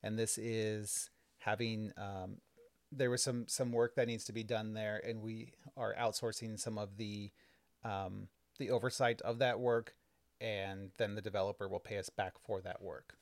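Man, lowish voice, dry close sound, chatty podcast host, explains board business, lots of ums. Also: steady tone, unhurried, no room sound. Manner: explanatory, chatty, many fillers. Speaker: village trustee and podcast host. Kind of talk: casual podcast recap of board meetings. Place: home, kids and cats in the house.

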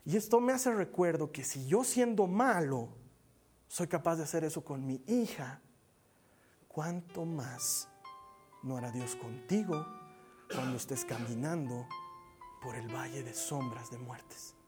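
A man preaching a sermon as pastor, earnest, rising to loud urging and dropping to near whispers. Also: on the high side, measured pace, faint music behind. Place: church meeting hall, also streamed online.

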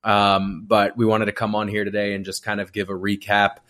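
A man's voice: on the low side, completely flat delivery, fairly quick, a bit bright. A man hosting a podcast in casual chat, speaking with a slight lisp from new teeth aligners and often rambling and restarting his sentences. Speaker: podcast host.

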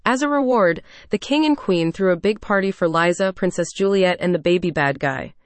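A woman's voice: on the low side, moderate pace, no echo. Woman reading a children's story. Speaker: narrator. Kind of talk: scripted children's story narration.

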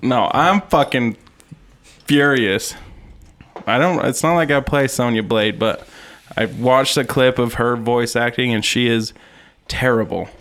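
Young male co-host with a gravelly, creaky voice; sarcastic, profane banter. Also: mid-range voice, a little slow, fairly bright tone. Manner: sarcastic, swears a lot. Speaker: podcast co-host. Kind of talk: casual chat.

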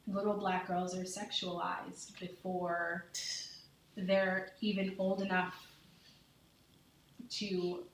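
A woman speaks in a low, earnest voice, choosing her words with care. Her heartfelt, deliberate talk is caught from a distance. The room rings with a heavy echo, and there is faint noise behind her. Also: flat delivery. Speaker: podcast guest, mother. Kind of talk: candid conversation.

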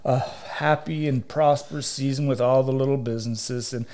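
A man's voice: medium pitch, steady tone, normal speed, a little mellow, slight background noise, natural voice. A man playing jolly old Santa Claus in a podcast interview, chuckling and saying "oh, dear" often.

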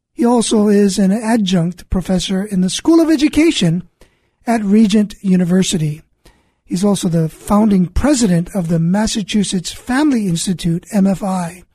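Male radio host, husky and mellow, measured earnest reads, dry studio sound. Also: sits high, no echo. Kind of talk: scripted radio introduction and interview.

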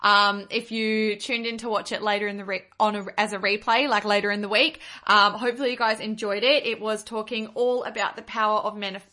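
A woman's voice: medium pitch, fairly even intonation, brisk, hardly any pauses, bright, forceful tone. An Australian woman hosting a motivational podcast, speaking to listeners in an effusive, affectionate, gushing way. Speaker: podcast host. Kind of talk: upbeat motivational podcast monologue.

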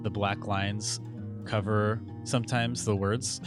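A man's voice: lowish voice, little pitch movement, takes it slowly, over music. A man hosting a podcast in casual conversation, joking, chuckling often and reading passages aloud. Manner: chuckling, jokey, reads aloud. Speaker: podcast host. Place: Seattle home.

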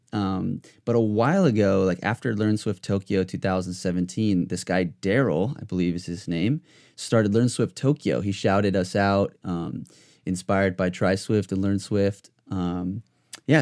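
A man with a fairly low voice hosts a casual podcast. He rambles and restarts his sentences, padding them with fillers as he goes. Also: animated, moderate pace, darkish tone. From United States. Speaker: podcast host.

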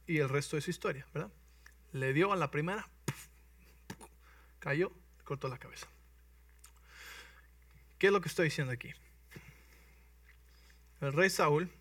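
A man preaching a sermon, telling the story with energy and often checking in with his listeners. His voice is bright and a little high. He is heard from a bit away from the mic in a dry room. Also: no room sound. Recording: voice from some distance, dry.

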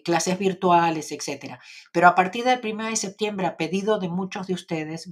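A woman's voice: lowish voice, breathy edge. A woman with an Argentine accent, hosting a casual live-stream Q&A as a spiritual teacher and reassuring her viewers. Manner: reassuring, tags sentences with "¿ok?".

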